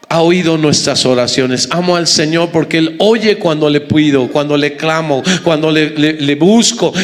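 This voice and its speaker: A man's voice: fairly high pitch, a bit bright. A man preaching a sermon to his congregation, emphatic and repetitive, with joking asides. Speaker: pastor. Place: church hall with congregation. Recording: reverberant church hall.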